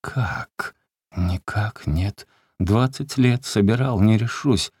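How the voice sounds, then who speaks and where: A man voicing a meek, quiet old beggar. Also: on the low side, takes it slowly, breathy edge, dry recording, clean studio sound, pitched above the performer's own voice. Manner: quiet, flat, humble.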